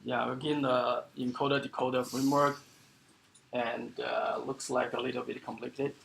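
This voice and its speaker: Creaky-voiced man giving a seminar talk. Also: medium pitch, flat delivery, fairly bright tone, a little hiss or hum. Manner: halting, many fillers and restarts. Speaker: seminar speaker. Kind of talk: academic seminar lecture. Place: lecture room.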